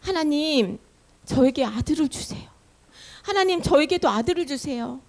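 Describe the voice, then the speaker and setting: A woman's voice: high-pitched, animated, normal speed, voice pushed up. A woman voicing a grieving young woman who pleads tearfully in prayer. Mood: pleading.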